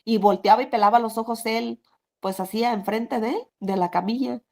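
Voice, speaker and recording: A woman's voice: fairly high pitch, fairly even intonation, moderate pace, gravelly, a little mellow. A middle-aged woman giving a rambling, emotional personal testimony in an interview. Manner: rambling, restarts often, emotional.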